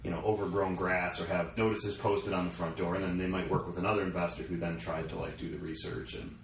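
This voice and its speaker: Host guy w a really low voice, kinda far from the mic, echoey room. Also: fast talker. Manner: short affirmations, relaxed explaining. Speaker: radio show host. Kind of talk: casual interview. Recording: roomy echo, distant from mic, faint noise.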